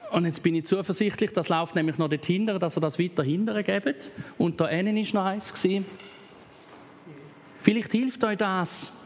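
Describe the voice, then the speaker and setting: A man's voice: a little high, slight background noise. A middle-aged man preaching informally to a congregation. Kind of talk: sermon. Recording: reverberant church hall.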